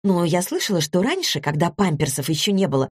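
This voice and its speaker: Lively young girl, sly and pleading, read by an audiobook narrator. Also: medium pitch, fairly quick, slightly rough, dry recording, studio quality. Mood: chatty.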